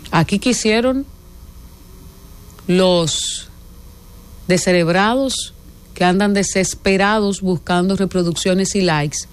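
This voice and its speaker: A woman from the Dominican Republic with a Dominican accent, giving an emphatic, indignant opinion monologue as a political commentator, stressing her points with deliberate force. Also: medium pitch, clean tone. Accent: Dominican Spanish.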